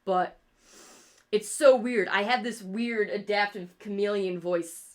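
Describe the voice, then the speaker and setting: A streamer and artist from rural upstate New York takes it slowly, her medium-pitched voice marked by her regional accent. She chats loosely while drawing on a livestream, rambling along, swearing often, and laughing at her own jokes.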